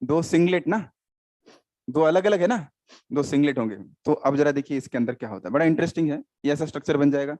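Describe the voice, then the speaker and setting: A man's voice: a little high, a little fast, a little mellow, no echo. An Indian man teaching biology in a live class, often quizzing students and repeating terms, switching into English.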